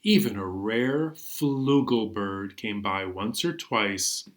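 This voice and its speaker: With a lowish voice at a slow pace, a man leads a children's storytime as a librarian reader. He tells stories and sings for little ones in an animated, playful, expressive way, throwing in sudden emphasis.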